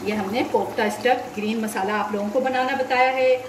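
A woman with a fairly high voice runs a home cooking lesson, patiently explaining each step and adding tips. She stands back from the mic in an echoey kitchen. Loud frying and sizzling fill the background. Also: fairly even intonation, fairly quick, recorded from a distance, a little hiss or hum. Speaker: cooking channel host.

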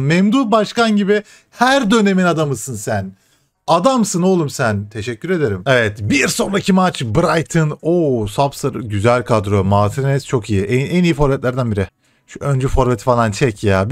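Young male streamer, excitable play-by-play of his own match, mid pitch, faint music bed. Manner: excitable, swears and shouts at the game. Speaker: gaming streamer. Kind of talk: live gameplay commentary.

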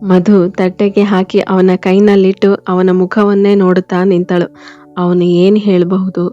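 A woman narrating a love story in an intimate storybook manner. Her voice is mellow and flat in pitch. The recording is dull and lo-fi with faint music behind her. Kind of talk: scripted narration.

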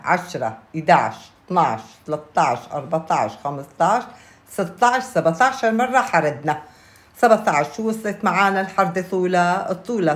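A woman with a Levantine Arabic accent giving a casual step-by-step craft tutorial, repeating key steps and checking in with her listeners. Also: fairly low pitch. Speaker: knitting instructor. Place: indoors at a table, hands-only camera view.

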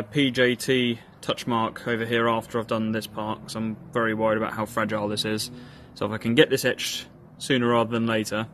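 A man's voice: medium pitch, a bit bright, slight background noise. A Northern Irish man giving casual, self-deprecating narration of a workshop build, with plenty of ums and uhs. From Northern Ireland. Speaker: hobby blacksmith.

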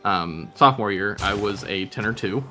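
A man's voice: fairly low pitch, moderate pace, bright, forceful tone, soft background music. A young man co-hosting a podcast, chatting in an easygoing, hesitant way. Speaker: podcast co-host. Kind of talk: casual chat.

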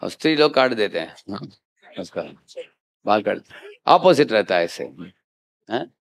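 Male preacher, low gravelly voice, conversational scripture talk that keeps prompting the audience. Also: big pitch swings, normal speed. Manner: conversational, frequent "hain?" prompts to listeners. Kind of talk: Hindi scripture lecture.

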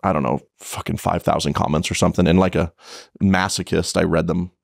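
Deep-voiced blunt cop telling a story. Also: male voice, fairly even intonation, fairly quick, gravelly, dry recording, clean studio sound. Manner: blunt, profane, retelling with restarts. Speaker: police officer guest. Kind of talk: conversational podcast storytelling.

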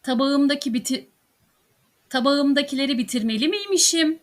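A woman teaching grammar, working through verb conjugations one by one with careful, deliberate articulation. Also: high-pitched. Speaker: Turkish language teacher. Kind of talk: slow, careful grammar drill reading.

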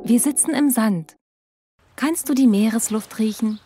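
A woman voicing a teenage girl, a former rival, who speaks in a soft, soothing way. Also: fairly high pitch, a little slow, slightly rough, soft background music.

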